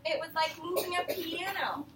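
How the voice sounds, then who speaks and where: Reading aloud to young kids, an elementary school teacher speaks at a normal speed in an extremely high voice with fairly even intonation. She keeps explanations simple and regularly prompts them with questions. Her echoey classroom is recorded via a distant mic, with faint noise present.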